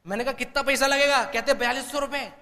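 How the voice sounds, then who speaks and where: A man with an Indian accent telling an animated story as a business seminar speaker, mixing Hindi and English. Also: extremely high pitch, quick pace, long reverb tail. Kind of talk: motivational stage talk.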